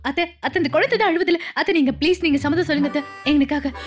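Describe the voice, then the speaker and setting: An actress playing a stubborn, playful young daughter-in-law in a TV serial, coaxing and pleading in a sweet, persistent way. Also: female voice, high voice, racing, close to an everyday voice. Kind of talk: TV serial acting. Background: background music score.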